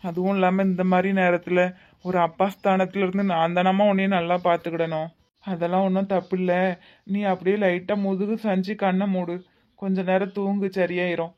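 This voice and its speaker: A woman voicing a kindly widowed father-in-law who speaks gently and coaxingly, in a Tirunelveli Tamil accent. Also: on the low side, flat delivery, normal speed, natural voice. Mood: gentle, coaxing. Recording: slightly muffled lo-fi audio.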